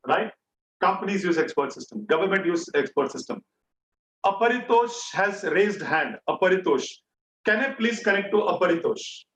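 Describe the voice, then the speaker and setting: Echoey, high-voiced Indian man teaching. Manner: repeats key phrases and questions for emphasis. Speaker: online bootcamp instructor. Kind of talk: interactive lecture to an online class. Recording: echoey, distant mic, faint noise.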